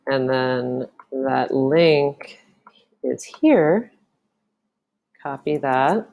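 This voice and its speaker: A woman teacher walking through a software tutorial, talking casually and thinking aloud with frequent ums. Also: very deep voice, gravelly. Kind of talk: screen-recorded software tutorial.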